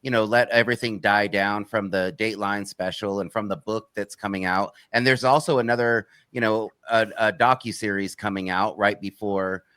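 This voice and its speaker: A man's voice: on the low side, fairly even intonation, normal speed, few pauses, bright, forceful tone, dry recording. A man who runs a true-crime channel, talking as a guest on a video call, hedging and restarting often. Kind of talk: casual panel discussion.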